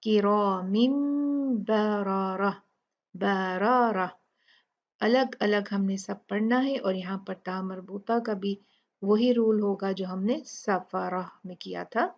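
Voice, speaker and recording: A woman with an Urdu accent teaches tajweed in an unhurried, gravelly voice. She explains each rule patiently, then draws out the recited words slowly. The audio is a little dull and lo-fi. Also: medium pitch, darkish tone. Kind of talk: Quran recitation lesson.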